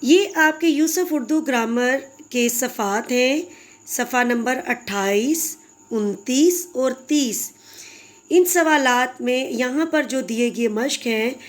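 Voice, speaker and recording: Female teacher, fairly high-pitched, warm and patient, explaining a lesson to children. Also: slow pace. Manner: patient, explanatory, addresses pupils fondly. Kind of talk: recorded grammar lesson for children.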